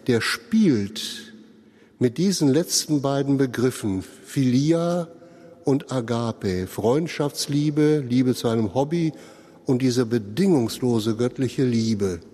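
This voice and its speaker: Slow, mellow-voiced preacher in a church. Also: male voice, mid-range voice, long reverb tail. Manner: slow, earnest explaining, addresses listeners directly. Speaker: pastor. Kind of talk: sermon.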